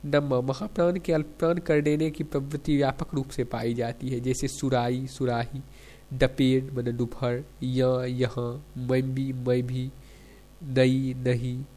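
A man reading a lecture on dialect features slowly and carefully, pausing after each word example. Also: medium pitch, darkish tone. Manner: slow, measured reading of word examples in lists. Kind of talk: academic lecture on Hindi dialects.

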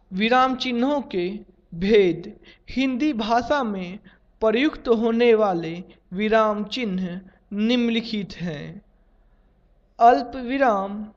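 A man reading a grammar lesson aloud in a measured, formal, dictation-like way. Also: high-pitched, a little mellow. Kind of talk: slow read-aloud textbook lesson. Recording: dull lo-fi sound.

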